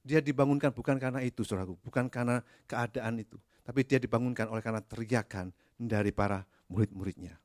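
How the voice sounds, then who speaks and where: A man's voice: mid-range voice, fairly even intonation, fast talker, a little mellow, no echo, studio quality. A man preaching as a pastor, emphatic and repeating key phrases, with hesitant fillers between them. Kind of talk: sermon.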